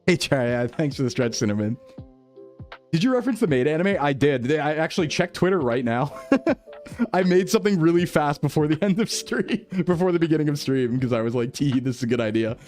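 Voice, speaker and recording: Faint music plays behind a male VTuber whose voice is on the high side, animated, fairly quick, and darkish in tone. He jokes around with his stream viewers, laughing a lot, over a livestream headset mic.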